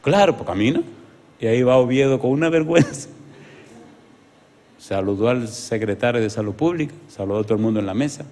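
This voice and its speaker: Dominican preacher in a reverberant church. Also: male voice, medium pitch, fairly quick. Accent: Dominican Spanish. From Dominican Republic. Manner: lively storyteller questioning the congregation. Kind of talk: sermon with storytelling. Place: church hall.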